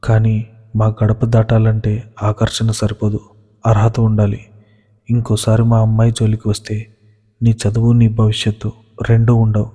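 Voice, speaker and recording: A man's voice: lowish voice, completely flat delivery, moderate pace, pauses often, mellow, natural voice. A man reading a stern, menacing uncle. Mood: stern warning. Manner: grave, threatening. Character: stern powerful middle-aged uncle. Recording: long hall reverb.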